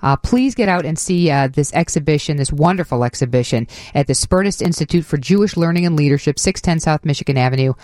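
A woman's voice: sits low, expressive, fast talker, few pauses, a little mellow, dry recording. A woman hosting a live radio show, chatting casually and effusively with guests in a studio. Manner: effusive, gushing. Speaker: radio host.

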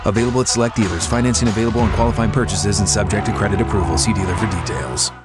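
A male commercial announcer rattling off a fast legal disclaimer in clipped, rapid phrases. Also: on the low side, fairly even intonation. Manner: rapid, clipped reading of terms. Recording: music bed behind voice.

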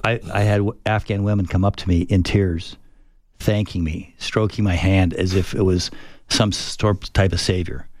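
An older man, a retired Air Force fighter pilot, telling stories in an interview with a reflective, halting manner full of restarts. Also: deep voice, steady tone, no room sound, clean studio sound. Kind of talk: conversational interview storytelling.

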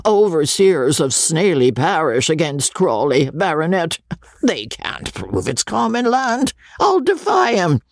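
Man reading as a gravelly, swaggering old miser lord in a storybook, pitch jumping all over. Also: huge pitch swings, measured pace, no room sound, studio quality, exaggerated voice. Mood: blustering. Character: coarse miserly old male baronet, boastful, litigious.

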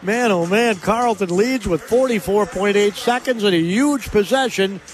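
A man calling a college basketball game play-by-play on radio, rattling off scores and stats and shouting on the big plays. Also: high-pitched, normal speed. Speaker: play-by-play announcer. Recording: radio broadcast.

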